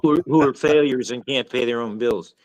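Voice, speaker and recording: Older male panelist, sardonic grumbler, mid-pitched, dry studio sound. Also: normal speed, darkish tone, no echo, low-quality recording. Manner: grumbling, sarcastic, restarts often. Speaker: sports talk panelist. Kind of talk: casual sports banter.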